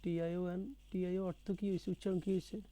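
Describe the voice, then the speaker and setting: A man's voice: high-pitched, flat delivery, a little fast, dark tone, poor audio. A man teaching a one-on-one spoken English lesson, patiently repeating words and quizzing his student.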